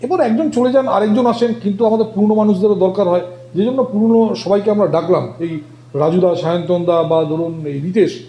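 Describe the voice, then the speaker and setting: A man answering interview questions about politics, halting often and filling gaps with hesitations. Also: high voice, fairly even intonation, dark tone, roomy sound. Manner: halting, many fillers and restarts. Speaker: political guest.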